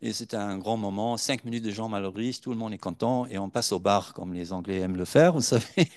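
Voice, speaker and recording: Gravelly low-voiced man giving a lecture. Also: brisk, darkish tone, dry recording, clean studio sound. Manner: hesitant, many filler sounds, anecdotal and chatty. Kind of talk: university conference talk with slides.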